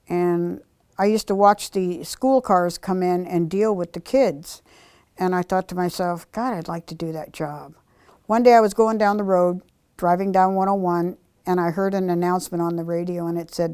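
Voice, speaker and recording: An older woman tells the story of how she decided to apply, quoting her own reactions. Her voice is smooth and recorded close and dry. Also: fairly low pitch, darkish tone, no echo. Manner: anecdotal, quotes herself. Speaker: retired police officer. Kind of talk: documentary interview.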